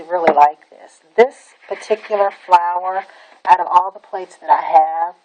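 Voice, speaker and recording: A woman with a somewhat low-pitched voice walks through a nail stamping tutorial in a relaxed, chatty way. She talks while she works, often pausing on an "um" and gushing "really, really" about what she likes. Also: lo-fi sound. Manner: chatty and enthusiastic, with many "um"s and repeated "really, really". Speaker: nail art tutorial maker. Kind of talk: casual how-to demonstration.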